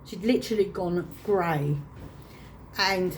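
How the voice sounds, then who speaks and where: A woman telling a painful personal story to camera, halting and restarting her phrases as she holds back emotion. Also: lowish voice, slight background noise. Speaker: vlogger.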